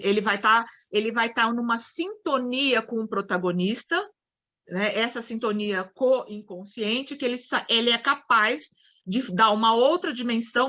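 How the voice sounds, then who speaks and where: A woman's voice: fairly high pitch, sharp tone, dull audio. A Brazilian woman lecturing a study group on psychodrama, explaining with acted-out examples and frequent restarts. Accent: Brazilian Portuguese.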